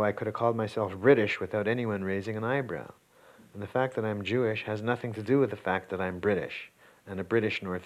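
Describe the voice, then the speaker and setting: A man, a political scientist, explaining his view in an interview and checking in with the listener as he goes. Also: lowish voice. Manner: explanatory, checks in with "you see" and "right?". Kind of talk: interview commentary.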